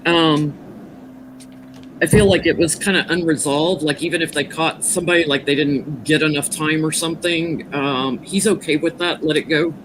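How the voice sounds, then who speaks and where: A woman's voice: deep voice, steady tone, moderate pace. A woman speaking matter-of-factly and reassuringly as a psychic medium, giving a casual reading on a livestream. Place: video call livestream. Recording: clearly noisy livestream audio.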